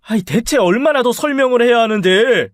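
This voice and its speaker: A man playing a flustered, defensive husband in an audiobook drama, pleading and demanding explanations. His voice is high for a man and sounds dry and close. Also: expressive, a little fast, dry recording.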